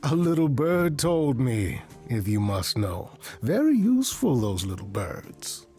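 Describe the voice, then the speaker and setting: An actor playing a suave, teasing immortal trickster god in a video game, with flowery, arch courtesy. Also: male voice, mid-range voice, sing-song, unhurried, a little mellow, faint music behind. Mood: theatrical, mischievous.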